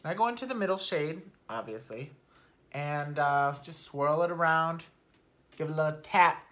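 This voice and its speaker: A young woman talking casually through her makeup routine at home, chatty and unfiltered, swearing offhandedly and sometimes dropping to a soft murmur. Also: sits low, animated, normal speed. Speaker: beauty vlogger. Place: at home, not in a studio.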